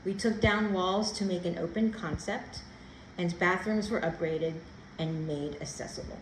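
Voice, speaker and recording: A woman's voice: fairly low pitch, unhurried. A woman guides a tour and explains as she goes. Her voice rings in an echoey room with faint background noise. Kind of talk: on-location explanation.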